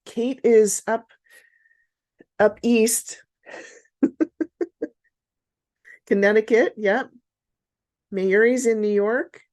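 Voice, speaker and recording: Woman business coach in her fifties leading an online workshop, warm mellow tone, encouraging. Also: fairly high pitch, steady tone, extremely slow, pauses often. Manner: upbeat, encouraging, frequent praise. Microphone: video call.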